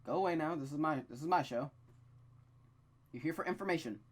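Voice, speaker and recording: A man with a voice on the high side reads a visual novel aloud fairly quickly as host of a let's play. He frequently stammers and interrupts himself with rambling, casual commentary that pokes fun at himself.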